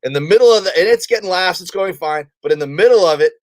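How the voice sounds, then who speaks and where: A man's voice: sits high, lively intonation, fast talker, no echo. A man, a comedian guest, telling a story in a casual interview and acting out the quotes of the people in it.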